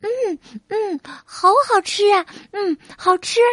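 Woman voicing a sweet, high little country mouse. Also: slow, no echo, exaggerated voice. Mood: delighted. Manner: gentle, childlike and eager. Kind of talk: storybook reading for children.

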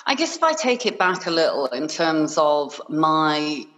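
A woman's voice: deep voice, big pitch swings, measured pace, fairly bright tone, big-room sound, rough recording. A woman from Hong Kong raised in England, talking effusively as a podcast guest with many fillers. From born in Hong Kong, raised in Yorkshire, England. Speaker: podcast guest, business owner. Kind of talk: conversational interview.

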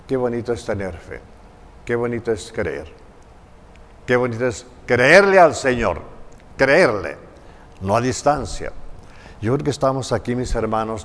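Slow emphatic preacher in a reverberant church. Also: male voice, medium pitch. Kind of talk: sermon.

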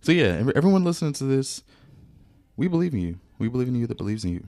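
A young man co-hosting a podcast, talking in a loose, playful way that keeps jumping up and down in pitch. His tone is soft and mellow, and the recording is dry and close with no room sound. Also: fast, no room sound. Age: 20s. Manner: animated, playful, slips into voices. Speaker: podcast co-host. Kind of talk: casual chat.

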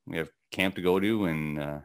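Gravelly-voiced man rambling about sports. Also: deep voice. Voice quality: gravelly morning voice. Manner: rambling, halting with many restarts and fillers. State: voice cracking. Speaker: podcast co-host. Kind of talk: casual sports podcast chat.

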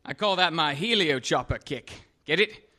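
Bright, breezy New Zealand daredevil. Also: male voice, a little high, expressive, normal speed. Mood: breezy, excited. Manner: breezy, slangy. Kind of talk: comic adventure audio drama acting.

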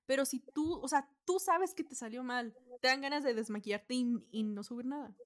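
Young Mexican woman podcast host, high voice, swears a lot, animated storyteller, casual chat. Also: moderate pace.

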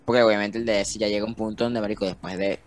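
A man's voice: lowish voice, flat delivery, rapid-fire. A young man with a Venezuelan accent, co-hosting a casual podcast in slangy chat full of fillers. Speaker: podcast co-host.

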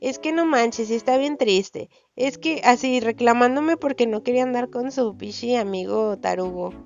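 A woman's voice: a little high, moderate pace, creaky, muffled recording. A young Mexican woman hosting a podcast, telling a personal story in casual slang and acting out what people said. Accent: Mexican Spanish. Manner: slangy, animated, acts out quoted dialogue. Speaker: podcast host.

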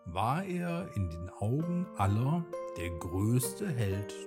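A man narrating a children's story in a gentle, expressive reading voice. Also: mid-range voice, slow, music in the background.

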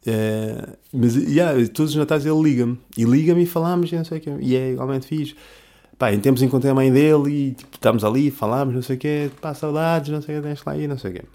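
Man, young adult, dark mellow tone, mid pitch, slangy rambling podcast chat. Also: fast talker. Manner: rambling, slangy, self-correcting. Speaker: podcast host. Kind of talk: casual monologue.

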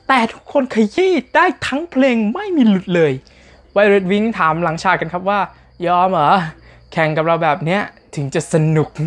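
A man narrates a recap of a competition show in a casual, chatty way. He speaks directly to the audience and keeps his tone polite throughout. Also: high-pitched. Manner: chatty, talks straight to viewers, polite particles throughout.

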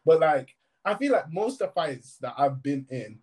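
A man's voice: on the high side, moderate pace. A young man, chatting casually in slangy, sweary stories. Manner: slangy, animated storytelling with frequent swearing. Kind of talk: casual group chat.

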